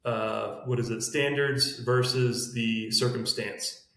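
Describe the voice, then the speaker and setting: A man talking fast in a casual team podcast chat, recorded in an emptied room with an echo. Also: mid-range voice, steady tone, vocal fry, a bit bright. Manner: talks fast in long run-on thoughts. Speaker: sales team member. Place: room emptied out with bare walls. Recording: echoey bare room.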